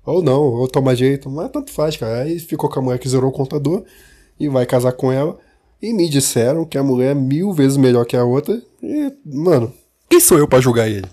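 A man's voice: medium pitch, expressive, brisk, dark tone. A man with a Brazilian Portuguese accent venting in a casual monologue, firing off rhetorical questions with slang and swearing. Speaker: vlogger.

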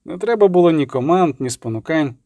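A man narrates an audiobook in a steady, measured dramatic manner. His voice sits a little higher than most men's. The sound is close and dry, with no room echo.

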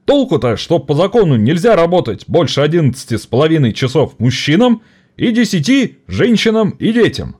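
A man's voice: fairly high pitch, very animated, fairly quick, darkish tone, slightly rough, voice pushed up. A man voicing a fiery orator rousing striking workers in an audiobook. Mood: indignant. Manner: rousing, indignant speech.

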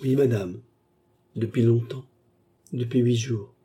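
A man's voice: mid-range voice, steady tone, slow, mellow, husky. A man reading an audiobook, voicing a scheming young maid who fakes tender sorrow. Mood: feigned sorrow. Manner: sugary, feigning sorrow.

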